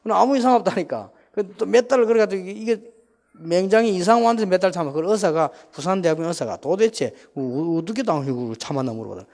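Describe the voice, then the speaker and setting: A man, preaching a sermon and telling a personal story in a rambling, animated way with many asides. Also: sits high, quick pace, in a large hall. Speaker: pastor.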